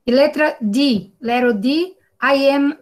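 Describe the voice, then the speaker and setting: Woman, Brazilian Portuguese accent, teacher, remote class, patient and explanatory, slightly high-pitched. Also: slow. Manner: patient, explanatory, frequent tag questions. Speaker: English teacher. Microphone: video call.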